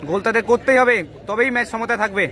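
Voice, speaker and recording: A man calling a penalty shootout live, in excited, urgent football commentary full of repeated exclamations. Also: very high-pitched, racing. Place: outdoor football ground during a match. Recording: noisy outdoor stadium with loud crowd. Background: loud crowd and noise.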